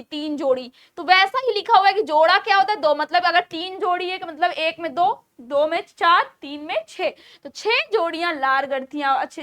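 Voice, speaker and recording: A young woman teaching an online class, lively and quizzing her students with repeated questions. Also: high voice.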